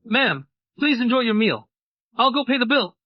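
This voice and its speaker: A cold, self-serving young groom. His voice sits unusually high for a man. The sound is dry and muffled. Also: expressive, moderate pace, dry recording. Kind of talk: English drama dub. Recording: dull dry studio dub.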